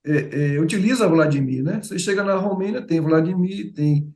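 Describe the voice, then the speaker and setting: A middle-aged man from Bahia, Brazil, with a Bahian Portuguese accent, chats as a guest on an interview show in an echoey room. His voice is fairly high with a dark tone at normal speed, and his loose speech is full of fillers and repeated words.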